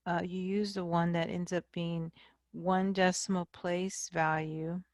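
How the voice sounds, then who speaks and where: A woman math instructor giving a recorded lecture, explaining slowly and checking in with "okay?". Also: on the low side, little pitch movement, dry recording, studio quality.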